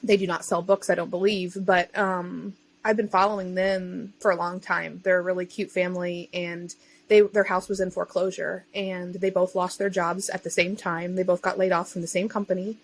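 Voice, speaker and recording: This woman has a lowish, level-toned voice and talks at normal speed. She's a podcast guest, a self-employed digital marketer and online bookseller, sharing her story in casual conversation with a chatty, informal, self-interjecting manner.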